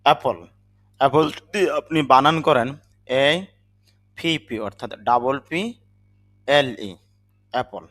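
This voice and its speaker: A man's voice: mid-range voice, measured pace, long pauses, a bit bright. A man with a Bangladeshi accent, a native Bengali speaker, giving a patient spoken English lesson and spelling words out letter by letter. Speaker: English teacher.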